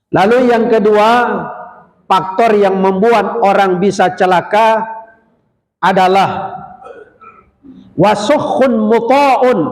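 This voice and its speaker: A male preacher giving a short Ramadan sermon, telling stories and addressing the audience directly. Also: high voice. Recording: long hall reverb.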